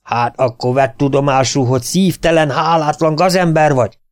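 A man voicing a freckled young cowboy who shouts in a sharp, challenging way. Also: on the high side, expressive, voice pushed up, lightly acted. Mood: shrill, defiant.

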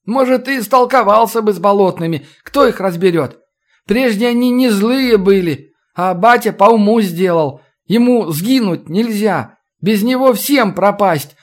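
A man's voice: high voice, measured pace, pitched above the performer's own voice. A man voicing a frightened, sniffling teenage boy from a swamp village who speaks in rustic folk dialect. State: tearful, sniffling.

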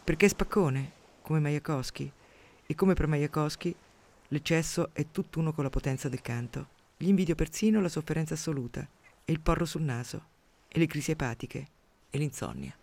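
A man hosting a radio programme, reading a poet's letters aloud and commenting with passion, swinging between sudden loud outbursts and hushed drops. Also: a little high, brisk, vocal fry. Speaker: radio host. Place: radio studio.

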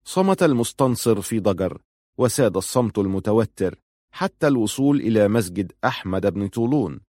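Man reading an audiobook, lowish voice, dry close sound, calm storytelling. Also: brisk, dry recording. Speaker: narrator. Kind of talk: audiobook narration of a historical novel.

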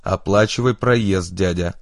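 A man's voice: low voice, unhurried, vocal fry, no echo, clean studio sound. A man voicing a menacing male gang enforcer who speaks curtly and hisses threats. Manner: hissing, curt, commanding.

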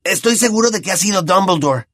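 A man voicing an excitable, impatient teenage boy in an audiobook, eager and boisterous. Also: sits high, fast talker, dry recording, studio quality, pitched above the performer's own voice. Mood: amazed.

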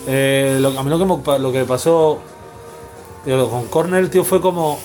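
A man's voice: medium pitch, moderate pace, a little mellow. A man in his forties with an accent from Spain, hosting a casual music podcast, rambling and swearing freely. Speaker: podcast host.

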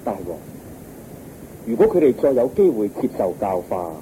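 An actor playing a calm, compassionate holy teacher, speaking in measured, solemn Hong Kong Cantonese in a radio drama. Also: male voice, fairly low pitch, slight background noise, poor audio. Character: the Buddha, calm, compassionate, authoritative male teacher.

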